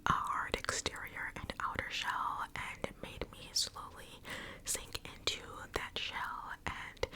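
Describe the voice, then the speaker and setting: Whispering woman, soft ASMR ramble. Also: low-quality recording. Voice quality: breathy, unvoiced whisper. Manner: intimate, rambling, repeats phrases. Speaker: ASMR content creator. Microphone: close mic with cupped-hand whispering.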